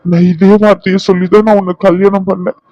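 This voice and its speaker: A man's voice: high voice, level tone, no echo, muffled recording, lightly acted. A man voicing a remorseful grieving young husband. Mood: pleading. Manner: soft, pleading, slow and emotional. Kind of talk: cartoon drama voice-over.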